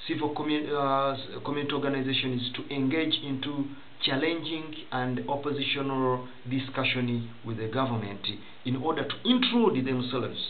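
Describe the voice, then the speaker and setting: A young man from Rwanda talks straight to a webcam from a small office, delivering political commentary in a halting way, restarting and repeating phrases as he goes. The sound is thin and phone-like, with a faint hiss underneath. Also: mid-range voice. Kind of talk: direct-to-camera commentary. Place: small office room indoors.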